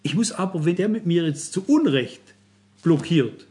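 A man's voice: on the high side, expressive, normal speed, mellow. A man preaching a sermon to his congregation, emphatic and earnest, firing off repeated rhetorical questions and turning to his listeners with frequent asides.

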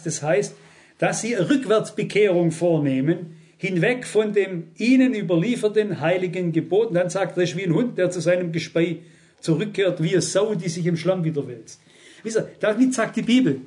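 A man preaching a sermon, insistent and full of rhetorical questions to his listeners. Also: sits high.

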